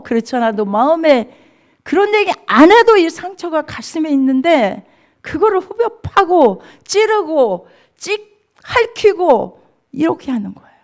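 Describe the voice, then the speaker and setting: A woman pastor preaches a revival sermon in church, her high voice leaping all over its range. She falls to quiet, intimate asides and then climbs to impassioned, tearful cries as she pleads with the congregation. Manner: emotional preaching, swinging from soft asides to crying shouts; leads the congregation in Bible reading.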